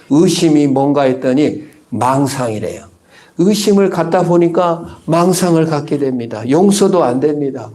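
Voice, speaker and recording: A middle-aged man preaching a sermon with a high, gravelly voice. He works the congregation with dramatic swings in loudness and pitch, slipping into the voices of the people he quotes. His delivery is expressive and theatrical. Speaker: pastor.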